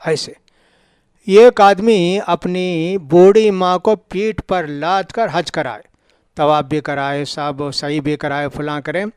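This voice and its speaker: A man's voice: a little high, fairly even intonation, a little mellow, smooth, no echo, studio quality. A man with a South Indian Urdu accent giving a religious lecture as a scholar, telling stories and acting out the dialogue, with emphatic repeats. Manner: storytelling preacher, acts out dialogue, repeats for emphasis. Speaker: Islamic scholar.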